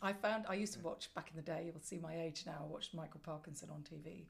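A middle-aged woman answering interview questions conversationally as a guest, reflective and measured, with emphatic phrasing. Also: deep voice, steady tone, creaky, a crowd in the background. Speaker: podcast guest, storyteller and former broadcast journalist.

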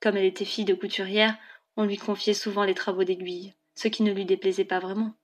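A woman narrating a novel as an audiobook in a clear, even storytelling delivery. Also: medium pitch, fast talker, highs cut off.

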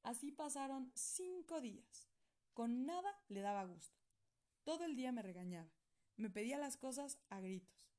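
A woman reading a first-person novel aloud in steady, plain storytelling. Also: high voice, normal speed. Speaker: audiobook reader. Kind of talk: first-person audiobook narration.

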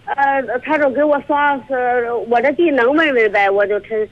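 An older woman calling a radio show, halting and repetitive. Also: high-pitched, lo-fi sound. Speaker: caller. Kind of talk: phoned-in radio chat.

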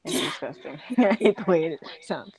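A woman's voice: low-pitched, animated, moderate pace, darkish tone, slight background noise. A young woman in casual chat with a friend, teasing and blunt, laughing often.

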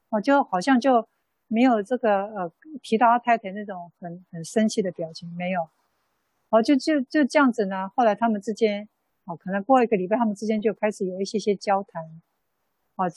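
A Buddhist nun giving a dharma talk in an unhurried storytelling way, full of soft fillers. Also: female voice, mid-range voice, no echo, poor audio. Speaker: Buddhist nun teaching a sutra class.

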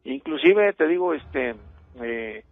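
A man's voice: a little high, animated, slow, gravelly, no room sound. A middle-aged man with a Mexican accent, calling in to a radio show and telling a ghost story in a rambling, hesitant way. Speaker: radio caller. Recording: tinny phone line with music.

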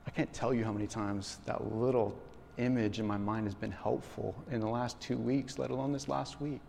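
A man preaching a sermon as pastor, telling a story with lively acted-out quotes and frequent repeated words. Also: medium pitch, moderate pace, creaky, a little hiss or hum. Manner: animated storytelling, acting out quoted voices. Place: large room in a school. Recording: long hall reverb.

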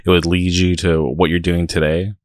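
A man's voice: deep voice, level tone, normal speed, darkish tone, no room sound, clean studio sound. A man hosting a casual interview, asking curious follow-up questions. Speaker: podcast host.

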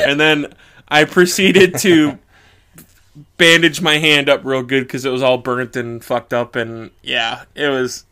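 A man's voice: mid-range voice, fairly even intonation, slow pace, pushed and bright. A man co-hosting a podcast in casual chat, crude and joking, swearing freely. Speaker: podcast co-host.

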